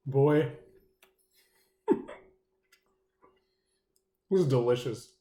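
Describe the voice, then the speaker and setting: Eating through a food challenge, this man vlogs alone in a loose, rambling, enthusiastic way, full of fillers and occasionally speaking through a mouthful. His voice is mid-range and mellow with drawn-out words, and the room sounds echoey.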